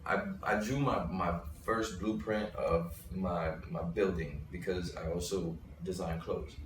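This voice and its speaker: A young rapper from Bushwick, Brooklyn, New York, with a very low voice, tells his story as an interview guest in a casual, rambling way, often restarting mid-thought as he thinks aloud. His tone is steady and a little slow. He sounds far from the mic in an echoey room, with faint noise underneath.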